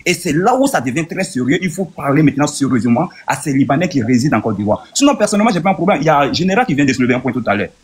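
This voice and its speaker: Man, 30s, from Burkina Faso, earnest debater, rapid delivery, husky voice. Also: fairly high pitch, big pitch swings. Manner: earnest, rapid, reasoning point by point. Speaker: debate participant. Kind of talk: heated debate argument.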